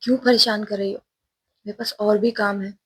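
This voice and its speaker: A woman's voice: mid-range voice, steady tone, moderate pace, breathy edge, dry recording. A woman voicing a stern, irritable young college teacher who answers curtly and scolds. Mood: irritated. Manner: curt, scolding, dismissive.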